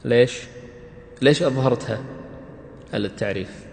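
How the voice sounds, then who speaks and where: A man's voice: medium pitch, normal speed, creaky, reverberant, in a large hall. Man quizzing students on tajweed. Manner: quizzing students with short questions, praising answers. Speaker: Quran recitation teacher. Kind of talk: teaching tajweed rules.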